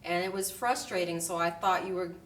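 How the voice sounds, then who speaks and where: Woman in her 50s talking to her kid, low voice, echoey room, faint hiss. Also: fairly even intonation, fairly quick. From Washington State. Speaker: interviewee, parent. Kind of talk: candid family interview. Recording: roomy, distant mic with faint hiss.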